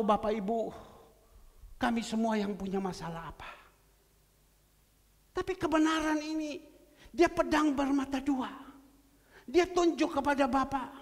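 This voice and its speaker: A male pastor preaching a sermon, moving from a soft, low storytelling voice to loud, emphatic exhortation. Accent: Indonesian, East Java. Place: church hall. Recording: long church-hall reverb.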